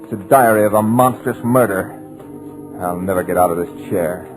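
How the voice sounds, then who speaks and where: This old radio recording, low in quality and backed by music, features a man acting in a 1940s drama. He voices a hypnotized writer whose inner narration comes in breathless, urgent bursts of desperate, helpless terror. His voice is low and close to everyday speech, at a moderate pace.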